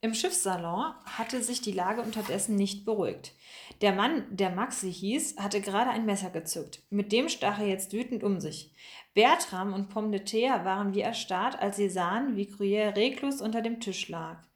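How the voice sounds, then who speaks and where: A woman narrating a children's storybook aloud with lively, expressive reading. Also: medium pitch, moderate pace. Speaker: audiobook reader. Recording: echoey room.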